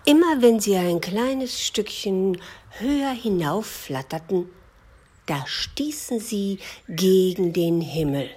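A woman storyteller telling a fable, often sinking into a hushed whisper. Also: mid-range voice, expressive. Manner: slow, hushed, dropping to a whisper.

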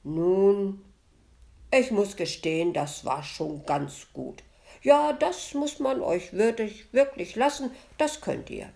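A woman playing a jovial male village butcher who talks loudly and teasingly in a read-aloud story. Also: medium pitch, big pitch swings, a little slow, pitched above the performer's own voice. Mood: condescending. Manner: loud, mock-cheerful, teasing.

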